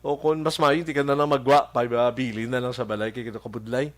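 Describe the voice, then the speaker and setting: A man hosting a local radio show with a Hiligaynon accent, chatting casually and greeting listeners by name, halting with many fillers and chuckles. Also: medium pitch, fairly even intonation. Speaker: radio host. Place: radio studio.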